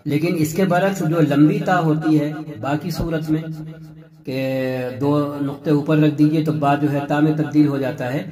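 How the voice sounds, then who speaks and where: A man's voice: a little high, steady tone, warm tone. A man teaching a script lesson, explaining patiently and repeating each point with fillers.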